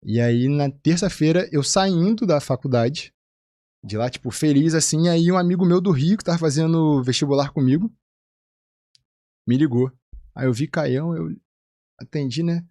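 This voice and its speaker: A man from Rio de Janeiro with a Carioca accent, a physician guest telling a personal story in a casual, animated way and acting out the voices of the people in it. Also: moderate pace, no room sound, studio quality. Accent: Carioca Brazilian Portuguese. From Rio de Janeiro, Brazil. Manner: animated, acts out quoted voices with big pitch jumps.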